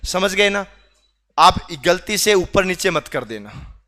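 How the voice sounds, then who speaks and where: A man teaches a reasoning class in a classroom. His voice sits high and bright, and he teases the students and pushes them to answer out loud. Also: very animated, takes it slowly. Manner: teasing, scolds students for not answering. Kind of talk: classroom lecture.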